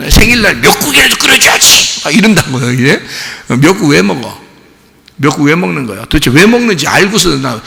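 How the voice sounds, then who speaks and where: A man preaches a sermon in a church, his voice high, bright and gravelly, swinging widely in pitch as he fires questions at the congregation. The sanctuary leaves a long reverb trail behind every phrase. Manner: animated, rhetorical questions to the congregation, acts out quoted voices. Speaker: pastor.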